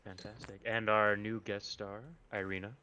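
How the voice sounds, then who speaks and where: The game master of a tabletop game, calling on players with brief, low-key words. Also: little pitch movement, normal speed, sharp tone, dull audio, slight background noise.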